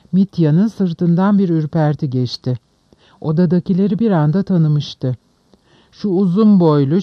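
An audiobook narrator reading a classic novel in a measured, dramatic way. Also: mid-range voice, no echo, highs cut off. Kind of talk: scripted literary narration.

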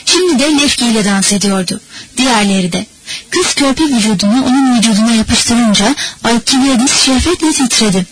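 A woman narrating a novel as an audiobook in a measured, steady reading manner. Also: fairly high pitch, husky, low-quality recording. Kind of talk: scripted narration.

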